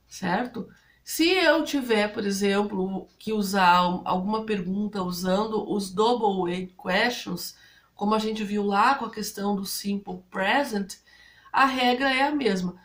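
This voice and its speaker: A woman speaking Brazilian Portuguese, explaining English grammar rules to students step by step and often checking in with her listeners. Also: mid-range voice. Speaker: English teacher.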